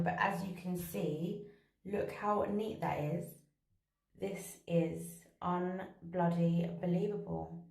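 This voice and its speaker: A young woman talks through a casual video diary, chatty, upbeat and plain-spoken. Her voice sits a touch low for a woman. She records on a phone in a small bathroom, so her voice echoes off the hard walls. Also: darkish tone. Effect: echo of a small tiled bathroom. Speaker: vlogger.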